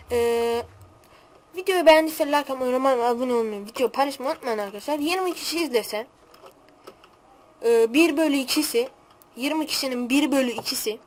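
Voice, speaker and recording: A teenage girl with a voice that sits high hosts a gaming channel, delivering excitable, hot-tempered gameplay commentary packed with trash talk.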